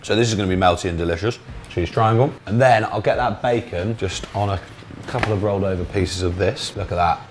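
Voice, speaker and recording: A man's voice: fairly low pitch, brisk, a little hiss or hum. A British man hosting a casual cooking vlog, chatting and swearing jokily as he talks through what he is making. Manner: chatty, sweary, jokey self-commentary. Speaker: cooking show host.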